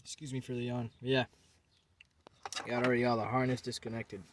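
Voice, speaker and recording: Relaxed man talking through a car repair. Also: mid-range voice, fairly quick, background noise. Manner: relaxed, rambling, thinks aloud with fillers. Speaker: car repair video maker. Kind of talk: casual how-to narration. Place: inside a car.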